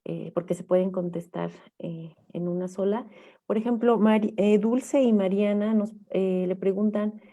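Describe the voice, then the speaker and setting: A woman's voice: medium pitch, vocal fry, dark tone. Woman moderator, dull lo-fi audio. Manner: polite, halting, with fillers. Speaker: moderator reading audience questions.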